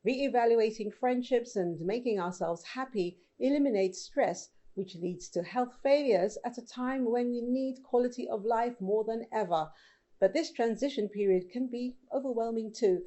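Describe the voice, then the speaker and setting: A woman's voice: a little high, normal speed, dark tone, lo-fi sound. A woman presenting scripted online news as host, speaking directly and conversationally to viewers.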